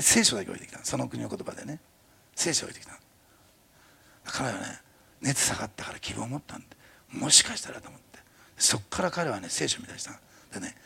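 A middle-aged man preaching a sermon, telling a story in a fast, animated way. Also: medium pitch, vocal fry, breathy edge. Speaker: pastor.

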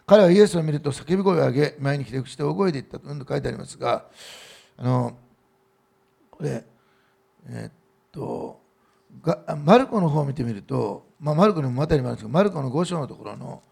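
A man's voice: fairly high pitch, lively intonation, fast, vocal fry, long pauses, darkish tone, husky. A middle-aged man giving a sermon as pastor at a church service, in a loose, conversational way with fillers and asides.

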